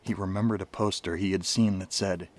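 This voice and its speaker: Hushed man narrating a grim story. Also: sits low, steady tone, a little fast, no room sound. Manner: hushed, often dropping to a near whisper. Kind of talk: dramatic audiobook narration.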